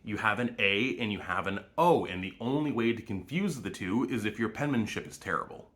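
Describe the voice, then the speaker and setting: A man's voice: fairly low pitch, expressive, fairly quick, a bit bright. A man with a Canadian accent, explaining speech sounds and demonstrating vowels in a short educational video. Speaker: language educator.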